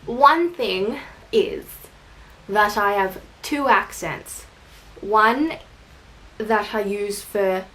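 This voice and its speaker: A young Australian woman rambles casually through a tag video for her vlog, answering questions and making self-deprecating jokes. Her voice is medium-pitched and a little bright, and the recording quality is poor.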